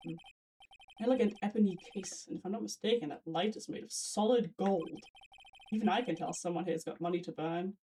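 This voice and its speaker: A woman's voice: medium pitch, darkish tone, slight background noise. Wry woman reading game text aloud. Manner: chatty, wry asides with restarts. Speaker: co-host streamer. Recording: slightly distant mic with faint game music.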